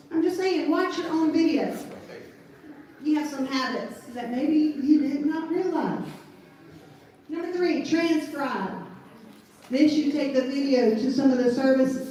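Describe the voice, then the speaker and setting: Echoey, folksy woman with deep Southern accent. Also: warm tone. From southern United States. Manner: folksy, emphatic, repeats check-in tags like okay and all right. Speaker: motivational business trainer. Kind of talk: informal motivational presentation to a group. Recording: echoey room, distant mic, faint noise.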